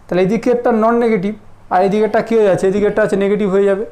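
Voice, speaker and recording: A man teaching a math lesson in a relaxed classroom style, often asking whether students follow. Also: sits high, rapid-fire. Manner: conversational, checks understanding often.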